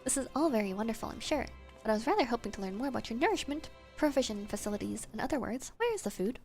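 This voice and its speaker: A woman's voice: on the high side, expressive, fast talker, darkish tone. A woman voicing a prim, formal visiting culinarian who is eager for food, in old-fashioned phrasing. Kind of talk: reading game dialogue aloud. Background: game music.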